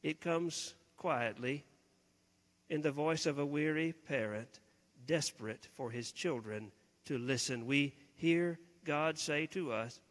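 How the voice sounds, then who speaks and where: A pastor with a Southern US accent preaching a sermon, earnest, repeating his questions and dropping to a hushed voice. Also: a little high, takes it slowly. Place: large church sanctuary. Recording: long reverb of a church hall.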